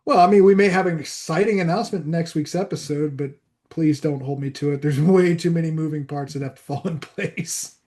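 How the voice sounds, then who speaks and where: High-voiced giggly male podcast host. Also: brisk, darkish tone. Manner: giggly, chatty, rambling restarts. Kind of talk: casual chat.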